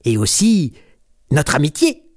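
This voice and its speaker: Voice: mid-range voice, huge pitch swings, measured pace, a little mellow, pitched above the performer's own voice. A storyteller voicing a greedy, boastful boy kitten in a storybook. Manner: gleeful, possessive. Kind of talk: storybook reading.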